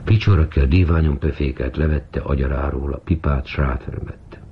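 Deep, gravelly man reading a novel aloud on old radio; measured, dull-sounding recording. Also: fairly even intonation, slight background noise. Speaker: narrator.

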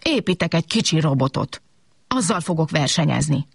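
A woman's voice: low-pitched, animated, creaky, slightly rough, dry recording, clean studio sound, exaggerated voice. A woman voicing a big robot who is proud, bossy and sulky, in a storybook reading.

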